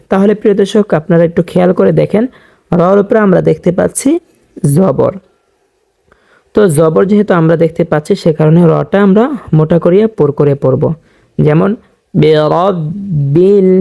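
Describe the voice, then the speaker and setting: A middle-aged man with a gravelly, dark voice teaches Quran reading. He spells out each syllable slowly and repeats it, and he draws out the Arabic lines in a melodic chant. His voice sits a little high for a man. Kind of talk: spelling-out Quran recitation lesson.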